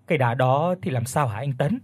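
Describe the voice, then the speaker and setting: A man voicing an anxious village mother who speaks quickly and wails, in a spoken ghost story. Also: mid-range voice, lively intonation, darkish tone, husky. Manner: wailing, quick.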